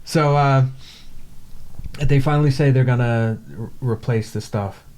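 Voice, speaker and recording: A man's voice: medium pitch, measured pace, a little mellow. A man co-hosting a casual podcast who complains bluntly and swears often. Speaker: podcast co-host. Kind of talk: casual chat.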